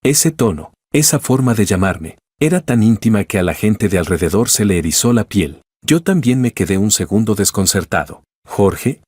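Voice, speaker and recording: Guy narrating a story, low and kinda husky, steady even delivery. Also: normal speed, hardly any pauses, no room sound. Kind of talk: scripted first-person story narration.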